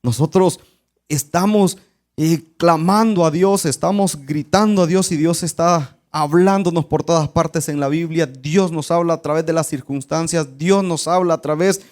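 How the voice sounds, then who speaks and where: Male pastor preaching, earnest storyteller, slightly high voice. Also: normal speed, darkish tone. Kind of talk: sermon.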